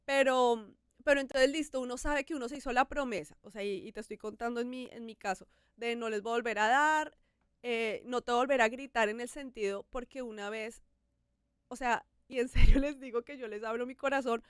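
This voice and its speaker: A woman's voice: a little high, steady tone, a little fast, clear, resonant tone, no room sound, clean studio sound. A woman hosting a podcast, talking candidly and with animation about her own life. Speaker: podcast host. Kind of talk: casual podcast conversation.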